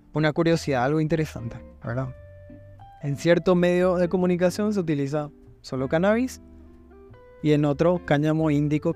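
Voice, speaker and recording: A man hosting an educational podcast, explaining word origins in a steady way and often checking in with tag questions. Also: fairly high pitch. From Paraguay. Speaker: podcast host. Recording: faint guitar music behind.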